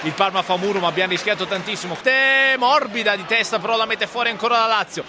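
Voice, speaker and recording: A man giving breathless, excited and partisan live football commentary, repeating players' names. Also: high voice, quick pace. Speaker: football play-by-play commentator for a club channel. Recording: loud stadium crowd noise behind. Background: stadium crowd.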